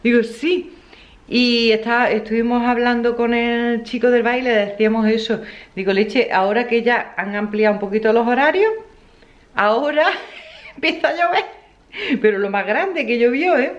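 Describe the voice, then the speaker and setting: A woman's voice: fairly high pitch, normal speed, muffled recording. A woman, chatting casually in her vlog, laughing often and acting out what others said. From Spain. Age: 50s. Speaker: vlogger.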